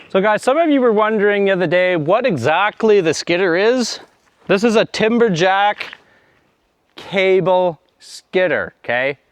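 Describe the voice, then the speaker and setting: A man's voice: a little high, clean tone, no echo. A young man chatting to his action camera outdoors in a snowy yard, a little out of breath, rambling with fillers and trailing asides. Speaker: homestead vlogger. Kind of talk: casual vlog talk to camera.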